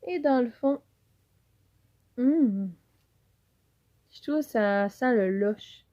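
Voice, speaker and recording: A woman's voice: on the high side, extremely slow, dark tone, muffled recording. A woman with a Quebec French accent chatting through a casual giveaway unboxing in her home office, rambling and upbeat. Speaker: YouTuber. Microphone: camera mic.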